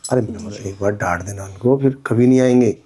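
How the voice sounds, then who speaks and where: A man's voice: fairly low pitch, fairly quick, warm tone, husky. A man playing a pushy, scheming landlord who talks in an impatient, pressuring and dismissive way, in an amateur drama skit. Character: pushy, scheming middle-aged male landlord.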